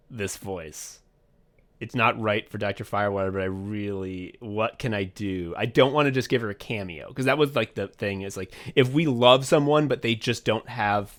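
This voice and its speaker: With a mid-range voice, this man co-hosts a podcast and reminisces about writing and directing an audio drama. He rambles casually, leans on "like," swears frequently and has sudden flashes of excitement.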